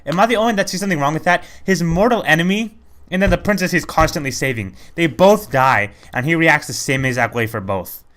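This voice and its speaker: Man, casual let's play commentary, rambling, self-critical, very animated pitch. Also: fast talker.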